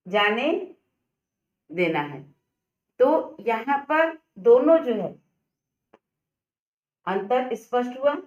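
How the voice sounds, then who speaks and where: A woman teaching a class, talking slowly and deliberately and asking the students questions. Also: medium pitch. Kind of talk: classroom lesson. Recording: echoey, dull lo-fi room.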